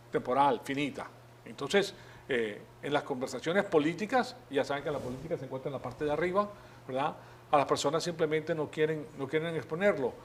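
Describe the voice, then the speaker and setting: Male preacher, chatty teaching style, fillers and restarts, voice a little high, faint background hum. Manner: conversational, acts out questions, many fillers and restarts. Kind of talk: teaching sermon.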